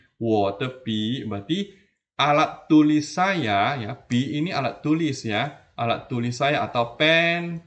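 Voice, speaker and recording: A man teaching beginners Mandarin, drawing out each model word slowly and checking in with "ya" and "nah". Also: medium pitch, a bit bright. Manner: slow, drawn-out model pronunciation with frequent "ya" and "nah". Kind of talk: beginner language lesson.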